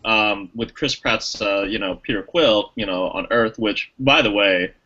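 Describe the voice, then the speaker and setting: A man's voice: fairly low pitch, measured pace, sharp tone, muffled recording. A man co-hosting a podcast, chatting casually and enthusiastically about a movie, rambling with lots of fillers. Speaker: podcast co-host. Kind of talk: casual movie review chat.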